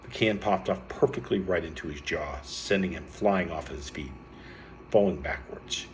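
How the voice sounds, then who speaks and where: A man with a very low voice reads an adventure story aloud. He keeps it lively, jumping up in pitch for emphasis and now and then tripping over a word. A faint hiss sits under the voice. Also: normal speed. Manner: lively read-aloud with bursts of raised pitch and some stumbles.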